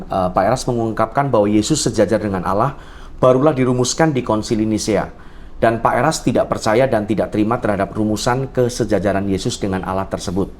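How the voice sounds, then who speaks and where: A low-pitched man reads viewer questions aloud in a polite, deferential way, answering the pastor with short agreements. Faint noise sits under the voice. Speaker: co-host reading viewer questions. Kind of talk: reading questions aloud, brief acknowledgments.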